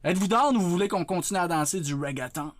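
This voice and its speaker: A man from Quebec with a Québécois French accent, chatting loudly and jokingly with viewers on a live stream, laughing often. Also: sits high, lively intonation, fast, no room sound. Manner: loud, jokey, laughs often. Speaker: Twitch streamer. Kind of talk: casual live-stream chat. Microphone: sensitive desk mic.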